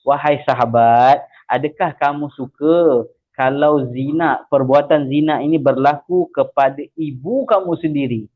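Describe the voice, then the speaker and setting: Man voicing a gentle, patient male teacher. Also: a little high, unhurried. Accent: Malaysian. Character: calm, gentle male teacher questioning a youth. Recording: tinny phone-like audio.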